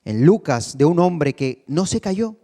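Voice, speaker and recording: A man delivers a sermon as co-pastor, his voice pitched high for a man. He asks the congregation questions and climbs to loud cries. His words ring out with the long reverb of a large church hall. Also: sing-song, a little slow. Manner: preaching with rhetorical questions, voice rising to cries when quoting.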